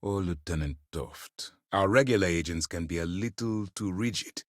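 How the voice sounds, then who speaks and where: An actor playing a stern, principled space fleet commander in a video game, speaking formally and with authority. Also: male voice, deep voice, normal speed, no echo, studio quality, lightly acted. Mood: measured, resolute. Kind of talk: scripted video game character dialogue.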